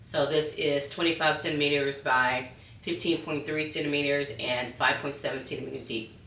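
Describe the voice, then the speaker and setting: A bubbly woman hosts a casual craft vlog in a hoarse voice with a smoker's rasp. Her pitch sits a little low. The room adds noticeable echo, with faint noise underneath. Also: fairly even intonation, moderate pace. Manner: bubbly, gushing. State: hoarse from being sick. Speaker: host of bag-sewing tutorials. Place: small indoor craft studio. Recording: roomy echo, background hiss.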